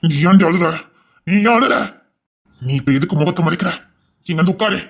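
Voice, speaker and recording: A woman with a Tirunelveli accent voicing a gruff, stern grown man who scolds and hushes his wife. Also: lowish voice, animated, moderate pace, pitched below the performer's own voice. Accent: Tirunelveli Tamil. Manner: stern, clipped, hushing.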